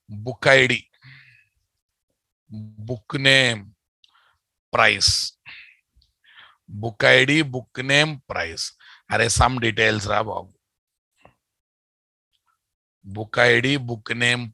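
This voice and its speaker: A man's voice: mid-range voice, extremely slow, creaky, long pauses, sharp tone, no room sound, poor audio. A man with a Telugu Indian accent giving an informal programming lecture, repeating phrases and addressing his students directly. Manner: informal, repetitive, addressing students as guys and boss. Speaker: programming teacher.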